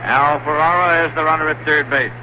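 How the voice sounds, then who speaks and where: On a hissy old radio broadcast, a male announcer calls a baseball game. His voice sits a bit high, his delivery is brisk, and he gets more and more excited whenever a big play happens.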